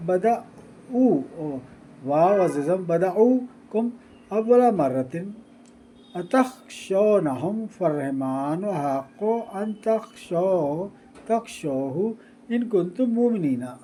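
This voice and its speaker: High-voiced guy teaching recitation, chants slow and melodic, stops to explain stuff, kinda mellow tone. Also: lively intonation, a little hiss or hum, low-quality recording. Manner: corrects his own pronunciation aloud. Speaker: religious teacher.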